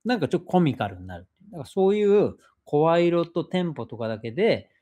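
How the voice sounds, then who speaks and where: A man's voice: fairly high pitch, big pitch swings, quick pace, warm tone. A man hosting a live stream, reading a viewer's question aloud and then explaining his answer at length in a casual way.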